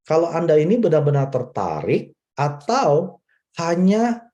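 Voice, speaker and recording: Lively man giving a motivational talk. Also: fairly high pitch, a little slow, dull audio. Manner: lively, repetitive, addresses listeners directly. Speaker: network marketing leader.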